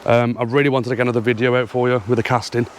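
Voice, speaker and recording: Man, casual outdoor vlogger, mid pitch, slightly winded, rambling with ums, faint outdoor noise. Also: little pitch movement, very fast. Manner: chatty, hesitant, lots of ums. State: a little out of breath. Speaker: fishing vlogger. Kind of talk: casual talk to camera. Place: outdoors in a field. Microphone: action camera.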